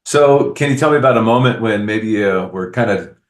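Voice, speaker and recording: Male podcast host, measured pastoral tone, low voice, roomy echo. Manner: measured, gives pastoral advice. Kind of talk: interview conversation.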